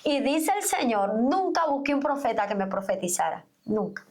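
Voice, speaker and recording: A middle-aged woman pastor with a fairly high voice shares her faith testimony. She tells it earnestly and slips into the voices of the people in her story. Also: very animated, normal speed, a little mellow. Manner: earnest storytelling, reenacts dialogue. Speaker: pastor, guest.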